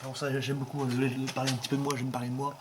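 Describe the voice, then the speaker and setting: Fast-talking clowning man. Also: mid-range voice, monotone. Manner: rambling, clowning, self-interrupting. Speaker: co-host of a parody urban-exploring show. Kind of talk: jokey improvised commentary. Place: abandoned underground garage. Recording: clear background noise.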